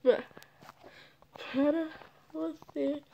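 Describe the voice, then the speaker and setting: This young woman is a gaming YouTuber doing casual gameplay commentary on stream, chatty and teasing others as she plays, with frequent exclamations. Her voice is high and creaky with a steady tone, and she speaks extremely slowly. The audio is dull.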